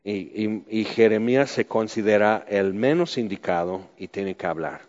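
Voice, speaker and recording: A man's voice: on the low side, normal speed, darkish tone. A man preaching, reading Bible passages aloud and commenting on them in a loose, conversational way. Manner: reads scripture then comments in a loose conversational way. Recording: dull roomy recording with long reverb.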